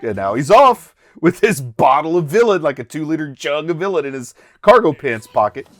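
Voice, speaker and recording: Male reaction host, exclamatory and chuckling, slightly high voice with big pitch swings, casual commentary. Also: big pitch swings, normal speed, dry recording, soft background music. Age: middle-aged.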